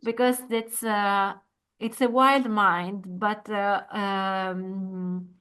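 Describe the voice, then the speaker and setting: A woman's voice: mid-range voice, steady tone, drawn-out words, fairly bright tone, smooth. A woman hosting a podcast interview. She lays out a concept at length in a thoughtful, explanatory way, with frequent uh and um before she asks her question. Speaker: podcast host.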